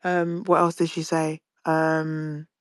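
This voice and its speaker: A woman's voice: sits low, slow pace, no echo. Brief: young woman, chatty reality-show recap, frank and profane, dry close sound. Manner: animated, swearing, quoting others in mimicked voices. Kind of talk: casual gossip recap.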